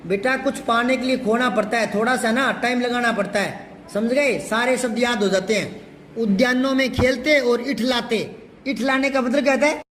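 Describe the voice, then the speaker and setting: Man, teacher, very high voice, keeps checking the class understands, booming room, distant mic. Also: steady tone, normal speed, fairly bright tone. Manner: questioning, keeps checking pupils follow. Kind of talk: classroom lesson on a Hindi story. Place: classroom with a board. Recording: echoey room, far from mic, background noise.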